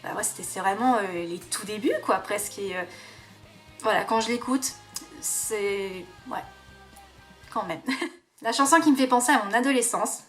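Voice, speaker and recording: A woman's voice: mid-range voice, normal speed, pauses often, faint music behind. A young woman talking casually to camera about her favorite songs, chatty and giggly, with lots of fillers and restarts. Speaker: YouTuber doing a music tag. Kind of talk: casual vlog chat.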